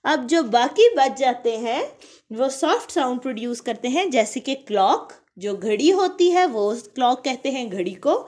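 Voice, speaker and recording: A young woman teacher giving a recorded lesson to small children. She reads English textbook lines slowly, explains them in Hindi-Urdu, and repeats sound words in a sing-song way. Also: sits high, animated, a little mellow.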